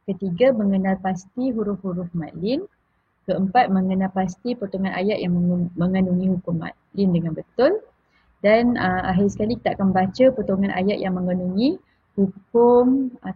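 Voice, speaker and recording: A woman's voice: medium pitch, husky, no room sound, muffled recording. A woman with a Malaysian Malay accent teaching a recitation lesson in a casual, hesitant way, with many fillers and restarts as she repeats key points. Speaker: tajwid teacher.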